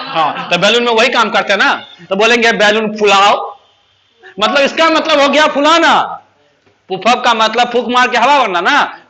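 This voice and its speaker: A man's voice: extremely high pitch, bright, forceful tone. A man teaching a basic English class, joking, laughing often and quizzing his students with repeated questions.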